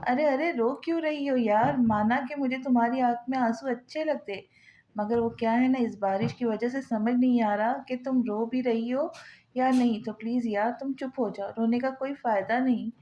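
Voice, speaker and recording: A woman's voice: fairly high pitch, fairly even intonation, normal speed, warm tone, lo-fi sound, slight background noise, close to an everyday voice. A woman voicing a cruel, taunting young husband who mocks with false tenderness, read in her own voice from a novel. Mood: mocking.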